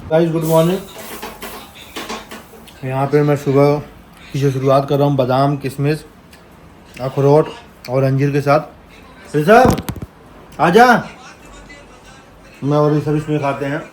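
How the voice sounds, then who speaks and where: Male vlogger, high voice, earnest rhetorical tone, faint hiss behind. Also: flat delivery, a little slow, long pauses, mellow, low-quality recording. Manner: earnest, indignant rhetorical questions. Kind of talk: casual vlog monologue.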